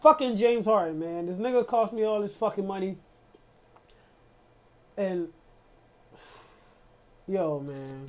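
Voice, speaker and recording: A man's voice: high-pitched, takes it slowly, pauses often, a little mellow. A man hosting a casual solo podcast, ranting in a heated, profane way with lots of slang and fillers. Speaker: podcast host.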